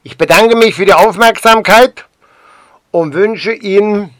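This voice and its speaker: A man delivers a prepared address to the public at a slow, deliberate pace. His voice sits a little high, and he stresses his points with indignant, rhetorical emphasis. The sound is dry and close, with no room around it. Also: a bit bright, dry recording.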